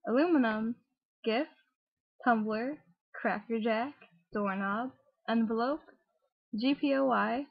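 A young woman with a Midwestern American accent casually works through an accent challenge. Her voice sits a little high but is husky and full of vocal fry. She comes across as offhand and informal. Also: no echo. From Cleveland, Ohio, United States. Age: young adult. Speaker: vlogger. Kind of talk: casual accent challenge, reading word lists and answering questions. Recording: dull lo-fi home recording, dry.

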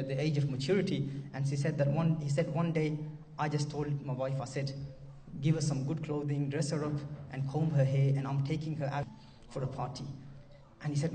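A man giving an emotive sermon, retelling a story and circling back over his own phrases. His voice sits somewhat high for a man. It sounds distant from the microphone. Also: warm tone. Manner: emotive, repeats and restarts phrases. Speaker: preacher.

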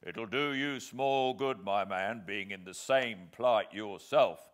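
A man reading aloud and voicing a gruff army sergeant who barks curt orders. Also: on the low side, slow. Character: gruff male army sergeant, brisk and commanding.

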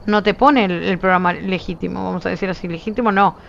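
Hoarse Uruguayan woman chatting emphatically. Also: fairly low pitch, fairly even intonation, fast talker, lo-fi sound, slight background noise. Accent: Uruguayan Spanish. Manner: emphatic, talks with her hands in her voice, frequent "¿viste?". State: nearly lost voice. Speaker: streamer. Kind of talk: casual chat with viewers.

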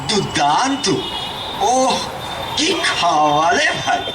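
Fussy, hospitable village puppet host voiced by a man, high and swooping, repeats himself; loud noise behind. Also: sing-song, slow pace, full character voice. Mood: fussing, coaxing. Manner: repeats words insistently. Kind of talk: folk-tale puppet show dialogue. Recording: echoey, distant, very noisy.

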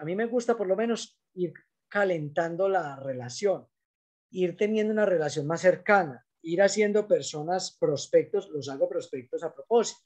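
A man's voice: high voice, darkish tone. Emphatic man coaching salespeople. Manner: emphatic, coaching, addresses the audience directly. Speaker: sales trainer. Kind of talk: business training talk.

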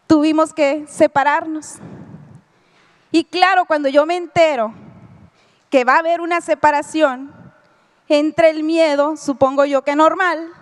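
A middle-aged woman with a high voice gives a talk to an audience, speaking to them directly as she tells a personal story. Her voice rings out with a long reverb, as in a big hall. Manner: storytelling, addresses listeners directly, acts out quoted dialogue. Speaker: lecturer giving a personal testimony. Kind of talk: spoken lecture to an audience.

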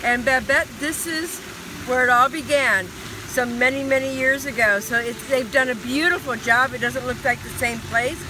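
A woman's voice: sits high, moderate pace. A woman in her sixties from Michigan, chatting enthusiastically as she gives a casual tour outdoors. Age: 60s. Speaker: vlogger. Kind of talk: casual travel vlog. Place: outdoors at a lakeside venue. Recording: noisy outdoor recording.

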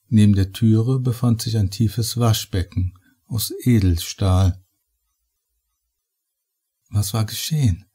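Slow, dark-voiced male horror narrator. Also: lowish voice, slightly rough. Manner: measured, slow storytelling. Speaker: audiobook reader.

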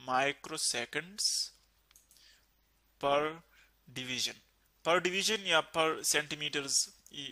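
A man teaching a physics lesson, explaining slowly and repeating key terms. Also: fairly high pitch, bright, forceful tone.

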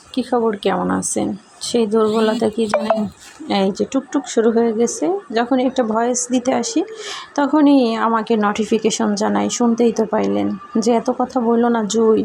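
A woman with a Barishal Bengali accent talks straight to her viewers in a loose, rambling vlog style, her voice sitting a little high. She teases along as she goes, poking fun at the cameraman. The sound comes from a camera her husband holds. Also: fairly even intonation, moderate pace, creaky, a little mellow, slight background noise. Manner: rambling and teasing, jokes at the cameraman. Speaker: vlogger. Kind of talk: casual chatty vlog talk to viewers. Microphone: camera held by her husband.

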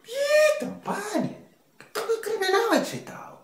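A man putting on the voice of a cranky, grumbling old grandparent with a squeaky put-on old voice. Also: big pitch swings, slow, heavily acted. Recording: echoey room, faint noise.

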